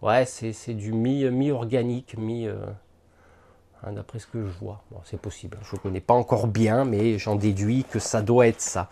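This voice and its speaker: A man's voice: on the low side, fairly even intonation, moderate pace, mellow. A man hosting a miniatures hobby channel, casually unboxing and thinking aloud to the camera with lots of hesitant fillers.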